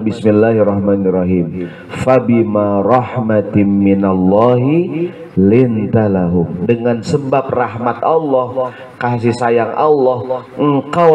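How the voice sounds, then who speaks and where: A male preacher gives a humorous sermon at a home gathering, chanting Arabic verses and often asking the listeners "ya nggak?". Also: medium pitch. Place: home gathering after evening prayer. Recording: tinny phone-like sound.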